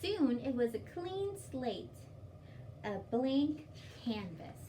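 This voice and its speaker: With a high, warm and very animated voice, a library storytime host speaks slowly as she reads to young children and explains in simple, instructive language. The recording comes from a distant mic with faint background noise.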